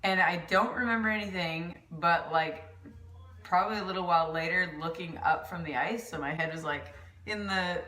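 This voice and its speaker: A woman's voice: fairly low pitch, moderate pace, bright, forceful tone, recorded from a distance. A woman coach chatting casually in a vlog, rambling and laughing easily, with a mild concussion. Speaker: volleyball coach vlogger. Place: at home, kitchen pantry. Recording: echoey room, off-mic.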